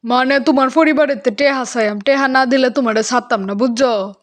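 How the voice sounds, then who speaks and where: Lady doing a threatening kidnapper guy in a cartoon, bossy n fed up, high voice, bangladeshi regional bengali accent. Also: a little fast, lightly acted. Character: blunt, threatening male child kidnapper. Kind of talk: amateur cartoon dubbing.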